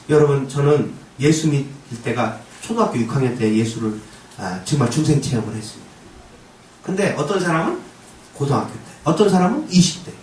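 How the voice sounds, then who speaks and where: A male pastor delivers a sermon with a high, lively voice that swings widely in pitch. He acts out short quoted exchanges and pushes into emphatic exclamations. The sound is roomy and heard from some distance, with a faint hum of ambience behind. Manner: preaching with acted quotes of God and Moses, rising to emphatic exclamations. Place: church sanctuary.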